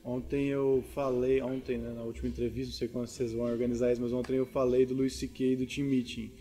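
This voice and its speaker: A man's voice: medium pitch, flat delivery, fast, mellow. A man with a Brazilian accent, a stand-up comedian, talking casually and reflectively in an interview.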